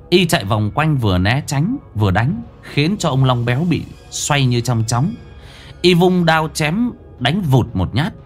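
A man reading a ghost story aloud in a dramatic, expressive storytelling style. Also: mid-range voice. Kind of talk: storytelling narration.

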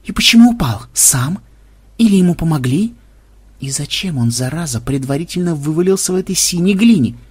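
A wry, pensive programmer hero in a spoken storybook, voiced by a man. He muses and gives orders with lively swings of pitch and a slightly husky tone. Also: a little fast. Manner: musing, commanding.

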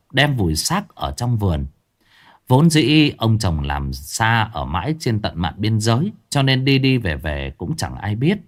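A man narrating a ghost story aloud in a dramatic storytelling manner. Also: medium pitch.

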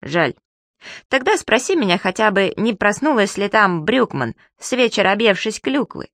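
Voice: medium pitch, lively intonation, moderate pace, fairly bright tone, dry recording, clean studio sound, voice pushed up. A reader voicing a cheeky, gluttonous childlike male magic creature who talks in a chirpy, wheedling, pestering way. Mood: teasing.

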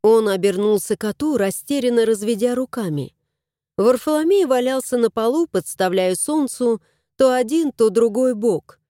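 A woman narrating a children's story in a measured, expressive reading. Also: on the high side, no echo, clean studio sound.

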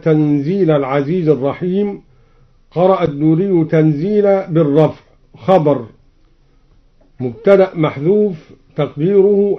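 Man, measured and precise, slightly high voice, explains readings then chants examples, muffled old radio recording. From Egypt. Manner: measured, precise, switching between plain explanation and slow chanting. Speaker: Quran reciter and teacher.

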